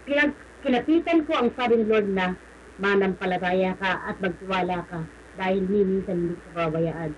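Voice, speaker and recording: A woman's voice: mid-range voice, a little hiss or hum. A woman from the Philippines giving an earnest, polite personal testimony on the radio, often slipping into English. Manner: earnest, polite, mixes English into her talk. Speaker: radio guest sharing a testimony. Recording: slightly muffled live radio stream.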